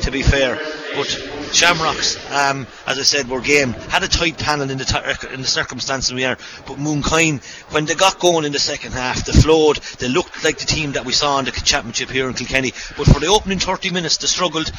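A man's voice: medium pitch, brisk, few pauses, bright, forceful tone, poor audio. An Irish man, a radio co-commentator, giving rambling sports analysis and repeating phrases. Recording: broadcast feed with clear background noise.

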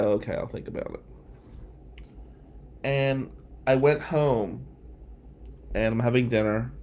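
A man's voice: medium pitch, vocal fry, a little mellow, a little hiss or hum. A middle-aged man from New Jersey hosting a live stream, telling a rambling story with many tangents. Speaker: host.

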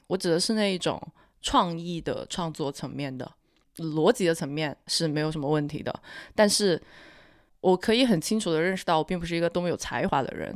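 As a podcast co-host, this woman chats casually and reflectively in a slightly low, steady voice. She seems composed, cool and rational, and the audio is dry with little room on it.

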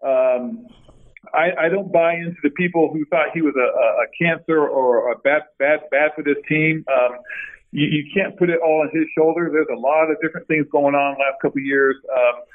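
A man's voice: a little high, normal speed. Man on a tinny phone line. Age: middle-aged. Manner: storytelling, many restarts, animated when quoting. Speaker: former college basketball player, guest. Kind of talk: casual interview over the phone.

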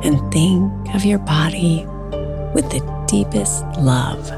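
A woman leading a guided meditation in a slow, soft, soothing way. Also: on the low side, creaky. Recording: soft new-age music behind.

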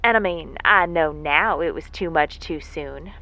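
In a heavily acted audio drama monologue, a woman with a low voice plays a folksy, lovesick moonbase worker reading a spoken letter home. Her unhurried delivery is pushed and bright, rambling with wry self-deprecation in a wistful, rueful mood. The audio is poor, with faint music behind her.

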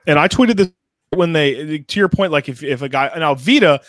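A man with a fairly high voice talks sports as a podcast guest. He is informal and enthusiastic, and the recording is close and dry. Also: expressive, normal speed, no echo. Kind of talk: casual sports talk. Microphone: close mic on remote video call.

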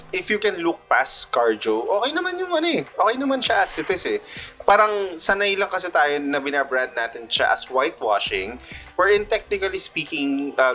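A man's voice: on the high side, pushed and bright. A man with a Filipino accent co-hosting a casual podcast chat, mixing English and Filipino, often repeating his words. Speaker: podcast co-host.

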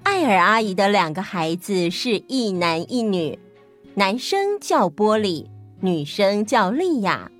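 A woman stand-in host telling a children's story in a gentle, even way. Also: mid-range voice, takes it slowly, soft background music.

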